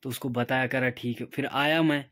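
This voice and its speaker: A man's voice: mid-range voice, fairly even intonation, a little fast, fairly bright tone, dry recording. A man telling a long casual vlog story, chatting to viewers and retelling a quarrel with friends over parking. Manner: chatty, retells quarrels by acting out quoted voices. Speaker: vlogger. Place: in a car and at his room.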